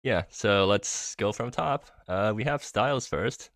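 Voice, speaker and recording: A man hosting a casual stream chat who talks quickly and eagerly. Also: on the low side, a bit bright, no room sound, clean studio sound. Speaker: stream host. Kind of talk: casual chat about a card game.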